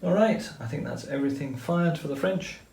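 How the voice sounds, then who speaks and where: A man with a slightly high, darkish voice and vocal fry talks briskly through each step of a tabletop wargame turn as he plays. His commentary methodically explains the rules, recorded in an echoey room.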